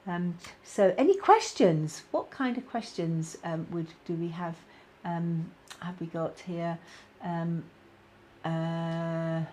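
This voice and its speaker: A middle-aged woman with a British accent hosting a casual live-stream chat, talking warmly to viewers with plenty of fillers. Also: on the low side, slight background noise. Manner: chatty, many fillers, reads out viewer comments. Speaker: spiritual guidance host.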